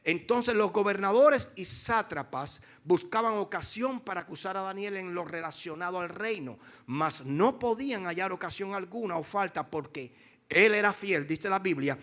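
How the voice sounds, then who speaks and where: A male pastor preaching a sermon to his congregation, swinging between loud declarations and hushed, slow phrases, and calling for responses. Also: high-pitched, animated. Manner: addresses congregation directly, calls for responses.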